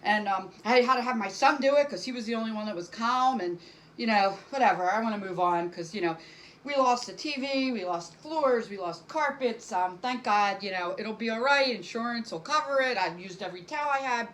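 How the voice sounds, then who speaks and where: A woman's voice: fairly high pitch, expressive, brisk, fairly bright tone, poor audio. A middle-aged woman doing a casual stand-up monologue to camera from home, rambling and self-deprecating with many fillers. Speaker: stand-up comic.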